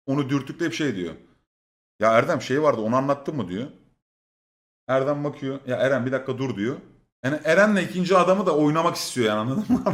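Man, lively storytelling, raised pitch, laughing and swearing, echoey room. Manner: swearing, laughing storyteller who acts out others' lines. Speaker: storyteller on a stream. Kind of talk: casual anecdote telling.

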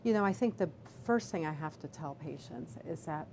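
A middle-aged woman obstetrician gynecologist answering questions in a live video Q&A, measured and full of fillers and restarts. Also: low voice, expressive, warm tone, low-quality recording. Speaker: obstetrician gynecologist, chief medical officer. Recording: background noise.

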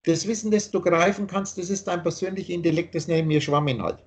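This high-pitched man talks fast as he lectures earnestly about his teaching on a video call, circling back to the same points in a lengthy, repetitive monologue.

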